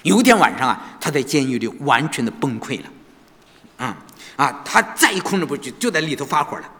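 Animated man preaching in a church. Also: mid-range voice, fairly quick. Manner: animated, constant rhetorical tag questions. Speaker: pastor. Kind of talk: sermon storytelling. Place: church sanctuary. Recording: long church reverb.

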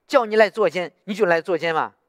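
A man's voice: high-pitched, fast talker, no echo, studio quality, voice pushed up, natural voice. A man doing a blunt, teasing police officer.

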